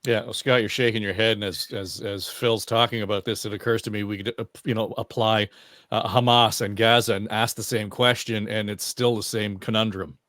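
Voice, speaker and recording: A man's voice: fairly low pitch, fairly even intonation, brisk, a bit bright, no room sound, clean studio sound. A man hosting a podcast discussion, conversational, handing questions to his guests. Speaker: podcast host.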